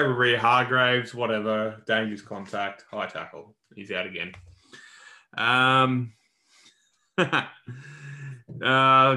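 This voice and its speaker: An Australian man co-hosting a podcast runs through the sports news in a casual, colloquial, matey way. His mid-range voice is pushed and bright.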